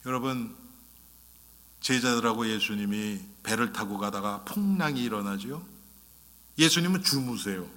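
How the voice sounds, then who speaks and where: A male pastor preaching a sermon, animated and questioning, often speaking straight to the congregation and acting out quotes. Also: fairly low pitch, normal speed, pauses often. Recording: long reverb of a church hall.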